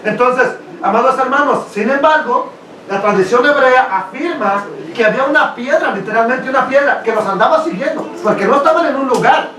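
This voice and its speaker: High-voiced preacher in an echoey room. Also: male voice, slight background noise. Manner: animated, asks the congregation questions, laughs often. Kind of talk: sermon. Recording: echoey room, mic at a distance.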